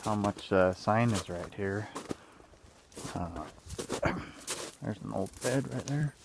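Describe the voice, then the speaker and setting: A man vlogging while hiking outdoors, talking in a halting way with many pauses into a handheld camera microphone. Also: fairly low pitch, vocal fry. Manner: halting, many uhs, soft-spoken. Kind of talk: casual hiking narration. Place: outdoors on a windy mountain ridge. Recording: loud wind noise on camera mic.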